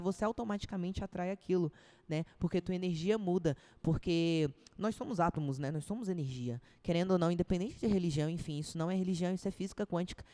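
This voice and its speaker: A woman's voice: mid-range voice, a little mellow. A young woman from Brazil, a personal trainer chatting as a podcast guest, casual and slangy, often restarting her sentences. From Brazil, Ceilândia (Brasília).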